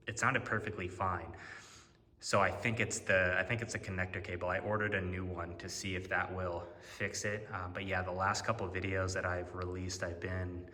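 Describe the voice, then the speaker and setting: A man's voice: sits low, sharp tone. A man chatting casually in a fitness vlog, rambling with many fillers and restarts, his mic adding a cave-like echo. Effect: cave-like echo from a faulty mic cable. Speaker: fitness vlogger. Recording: echoey, cave-like reverb on the mic.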